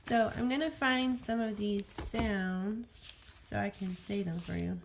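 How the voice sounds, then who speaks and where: A woman with a gravelly, fry-tinged voice, speaking at an ordinary middle pitch. She walks through a phonics lesson in a loose, chatty way, sounding out letters as she goes. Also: steady tone, slow pace, noisy background. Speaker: homeschool teacher. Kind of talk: casual phonics tutorial. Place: at home.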